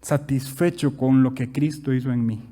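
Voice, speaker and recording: A young man with a Costa Rican accent preaching a sermon as pastor, animated, with big swings in loudness and rhetorical questions. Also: mid-range voice, moderate pace, long reverb tail. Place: church.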